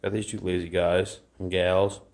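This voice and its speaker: A man's voice: sits low, level tone, moderate pace, a little mellow. A man talking offhandedly while filming his garage and yard on his phone. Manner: offhand, rambling, with fillers. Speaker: vlogger. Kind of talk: casual walkthrough vlog. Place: garage and yard, partly outdoors. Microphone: phone held while filming.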